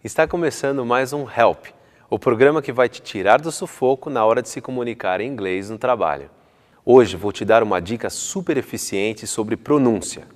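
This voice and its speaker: A male English teacher from Brazil presenting a scripted TV lesson, slow and deliberate, stretching the example words to show how they should be pronounced. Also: medium pitch, in a large hall.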